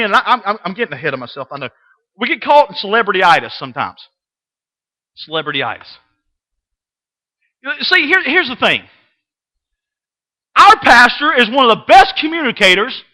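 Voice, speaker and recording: A middle-aged man preaching to a church class over a webcam, his voice unusually high and sharp-edged. He repeats phrases for effect and swings between hushed asides and fervent, raised declarations. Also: low-quality recording. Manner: impassioned, repeats himself, swings from hushed to loud. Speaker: Sunday school teacher. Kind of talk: sermon.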